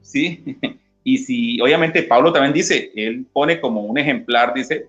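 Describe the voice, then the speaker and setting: An unhurried Colombian man with a mid-range, somewhat bright voice is interviewed as a former church member. Teacherly in manner, he reads scripture aloud, explains Bible passages and regularly checks in with "¿sí?", heard through dull lo-fi audio with faint guitar in the background.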